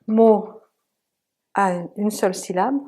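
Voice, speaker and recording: Slow, patient woman teaching pronunciation. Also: mid-range voice, steady tone, warm tone. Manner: patient, drills sounds slowly and repeats examples. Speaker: language teacher. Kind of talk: pronunciation lesson.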